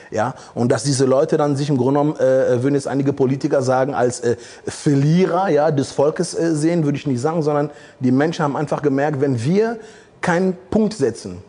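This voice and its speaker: This interview guest, a man in his forties from the DR Congo, speaks on a lapel mic against red curtains in a studio. His fairly high voice is warm and husky, and his manner is blunt and provocative, broken by many hesitations.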